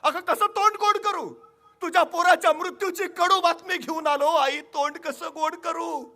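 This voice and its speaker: A noble warrior king, acted by a male speaker declaims with passion, his voice high and cutting bright. Every phrase rings out as a solemn proclamation. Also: flat delivery, unhurried. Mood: anguished.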